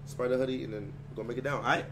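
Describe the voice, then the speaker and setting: A man's voice: medium pitch, fairly even intonation, rapid-fire. A man hosting a dating game on stream, giving orders in slang and repeating "bet" and "I'm saying.". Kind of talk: casual hosting over a group call. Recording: noisy stream call audio with hum.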